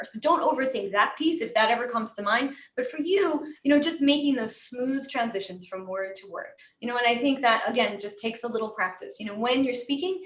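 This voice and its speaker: A woman's voice: on the high side, roomy sound. An American woman coaching a live online class, encouraging and chatty, full of "you know" fillers. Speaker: voice and presentation coach.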